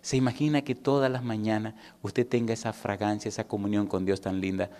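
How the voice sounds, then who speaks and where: Middle-aged male pastor, sermon delivery, swings loud to hushed. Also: lowish voice, brisk. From Caribbean. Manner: storytelling, swings from loud and animated to hushed and intimate; asks the congregation questions.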